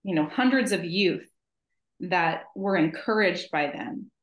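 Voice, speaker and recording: A woman in her thirties makes her points with earnest emphasis, her voice sitting on the lower side. She joins over a video call from a home office, and the sound carries a noticeable room echo. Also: animated, a little slow. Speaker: podcast co-host. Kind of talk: casual conversational chat.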